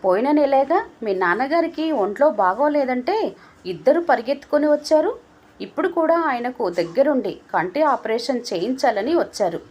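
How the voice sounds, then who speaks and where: A woman voicing a kind older mother who soothes her family, lifting her voice higher for her in a storybook reading. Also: expressive, normal speed, darkish tone. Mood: gentle caring. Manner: soothing, affectionate. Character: gentle caring older mother, peacemaker.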